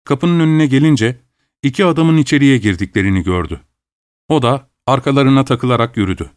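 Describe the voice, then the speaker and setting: A male narrator telling a literary story in a measured, even delivery at a middling pitch. The recording is dry and close, with no room around the voice. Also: clear, resonant tone, no echo. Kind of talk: scripted narration.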